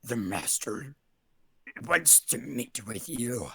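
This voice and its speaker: A man's voice: mid-range voice, animated, slow pace, creaky, pushed and bright, husky, pitched below the performer's own voice, heavily acted. A man acting as game master, voicing a tall armored guard who speaks in a weird, tinny, inhuman voice. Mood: menacing. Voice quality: tinny, metallic, mangled delivery. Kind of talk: voicing a character in a tabletop game.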